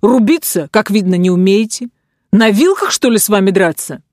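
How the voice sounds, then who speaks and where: A woman reading the part of a cold, mocking nobleman, a card gambler and duelist, in a quiet, measured, icily sarcastic voice. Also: mid-range voice, lively intonation, no echo, studio quality, natural voice. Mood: taunting.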